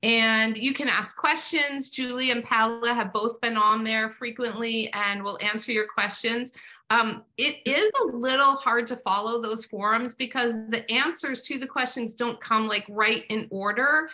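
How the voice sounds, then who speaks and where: A woman with a bright, crisp voice co-hosts a group video call. She explains steps plainly and at an even pace. Her voice sits a little high. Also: a little slow, poor audio. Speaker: knit group co-host.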